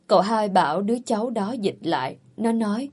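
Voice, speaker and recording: A woman's voice: medium pitch, expressive, fairly quick, darkish tone, breathy edge. A woman narrating a family drama audiobook, voicing the characters' lines herself. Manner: voices the characters' quoted lines herself with mild emotion. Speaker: storyteller. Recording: faint background music.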